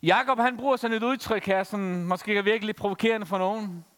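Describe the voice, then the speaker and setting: A man preaching a sermon, telling a story with frequent hesitant pauses. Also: high voice, fairly even intonation, fairly bright tone. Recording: reverberant hall.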